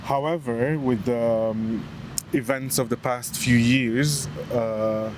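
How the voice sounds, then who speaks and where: A man's voice: mid-range voice, steady tone, slow. A man in his thirties from Lebanon, talking as an interview guest in a casual, reflective way with many hesitations, seated on an outdoor bench by the water. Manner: reflective, hesitant with fillers, earnest. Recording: outdoor street noise, passing vehicles. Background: street traffic.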